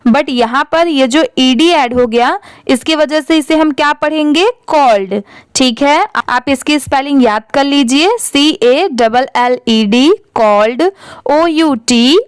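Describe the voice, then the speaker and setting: A woman's voice: high-pitched, slow, no room sound, low-quality recording. An Indian woman teaching English reading, spelling each word out letter by letter and then reading it, asking her students how to read it and answering herself. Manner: spells words letter by letter, then reads them; asks and answers her own questions. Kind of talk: slow spelling-out lesson.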